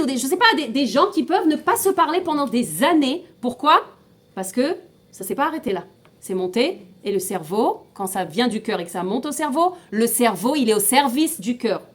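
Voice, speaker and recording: A woman with a fairly high-pitched voice leads an informal class, explaining things step by step and putting questions to her students. She mixes in Hebrew terms and often restarts and repeats words.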